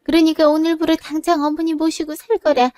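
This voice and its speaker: A woman's voice: sits high, flat delivery, fairly quick, dark tone, dry recording, clean studio sound, lightly acted. A woman playing a firm, caring older mother-in-law. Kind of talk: narrated drama voice acting.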